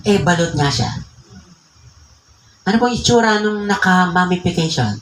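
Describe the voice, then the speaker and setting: Preacher from the Philippines, mid pitch, leans hard on key words and drags out verse readings; echoey church room with faint noise behind. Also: animated. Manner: emphatic, slows down to read scripture verses aloud. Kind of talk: sermon.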